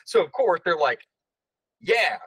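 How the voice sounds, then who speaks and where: Bright, husky man talking history. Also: mid-range voice, animated, fairly quick, no echo, low-quality recording. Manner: opinionated, explains at length. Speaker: podcast co-host. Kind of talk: casual history chat.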